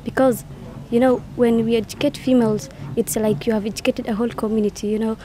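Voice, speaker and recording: A woman answering interview questions in halting, repeating phrases. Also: fairly high pitch, steady tone, warm tone, a little hiss or hum.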